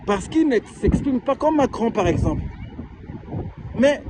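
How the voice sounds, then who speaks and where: This author from Brazzaville, in the Republic of the Congo, has a very high, sing-song voice and takes his time, with background noise behind him. In a Congolese French accent, he gives an impassioned personal testimony, asking one rhetorical question after another.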